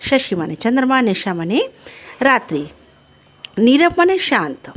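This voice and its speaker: A woman teacher walks through a poem in a lesson, pausing to gloss each word with one synonym after another. Her voice sits a little on the high side, and her explanations come steady and patient. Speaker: Hindi teacher. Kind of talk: explaining poetry in a class lesson.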